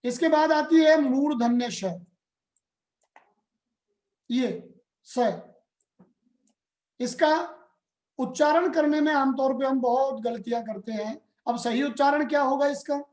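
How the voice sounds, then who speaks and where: Slow, deliberate male grammar teacher. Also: extremely high pitch, a little mellow. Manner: slow, deliberate explaining with questions to students. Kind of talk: classroom grammar lesson. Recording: roomy echoey room.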